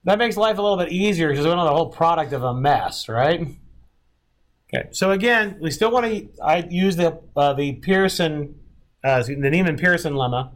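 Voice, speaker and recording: A man's voice: a little high, expressive, moderate pace. A male math instructor giving a classroom lecture, thinking aloud and often checking in with his students.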